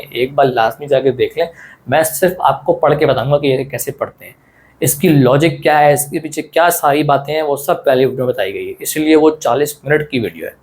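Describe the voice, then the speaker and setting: A man teaching an online lesson in a relaxed, friendly way, asking questions and answering them himself and often repeating his points. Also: mid-range voice. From South Asia. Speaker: Quran teacher.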